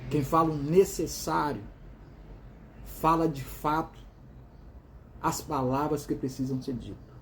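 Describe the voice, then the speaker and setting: A man's voice: fairly high pitch, fairly even intonation, a little slow, long pauses, a little hiss or hum. A man with a Brazilian accent hosting a motivational talk, stressing points by repeating words and asking himself questions he then answers. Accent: Brazilian Portuguese. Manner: emphatic, repeats words in runs, calls the listener "dear". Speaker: host of a motivational series.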